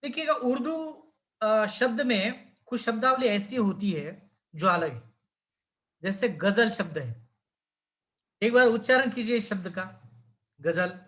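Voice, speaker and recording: High-voiced man teaching a class. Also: lively intonation, unhurried, pauses often, pushed and bright. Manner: asks students questions and models pronunciations. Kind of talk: lecture on speaking skills.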